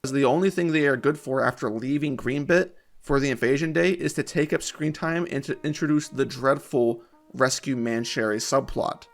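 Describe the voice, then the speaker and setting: A man reading scripted video-essay narration in a measured, critical manner. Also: mid-range voice, gravelly.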